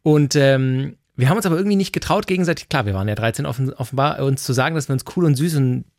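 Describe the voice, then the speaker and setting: A man's voice: mid-range voice, very fast, no echo, clean studio sound. A man, co-hosting a casual podcast chat and acting out quoted dialogue. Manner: animated, acts out quoted dialogue. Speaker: podcast co-host.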